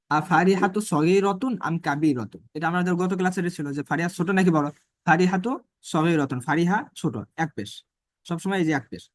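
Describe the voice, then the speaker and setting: Guy teaching arabic grammar online, kinda high voice, dry sound, keeps asking then answering himself. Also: no room sound. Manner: repeats phrases and asks rhetorical questions; reads Arabic phrases slowly and deliberately.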